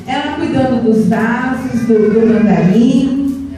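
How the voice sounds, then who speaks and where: Lady telling kids a story in church, high mellow voice, super echoey, mic far off. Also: faint music behind. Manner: animated, drawn-out words, asks the children questions. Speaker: children's storyteller. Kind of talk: storytelling to children. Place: church hall.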